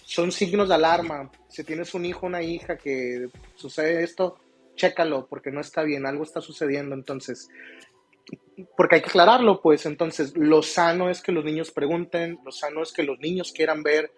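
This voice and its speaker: Fairly high-voiced man giving parenting advice. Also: steady tone, normal speed, faint music behind. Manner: explanatory, advising, builds hypothetical examples. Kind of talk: casual podcast chat.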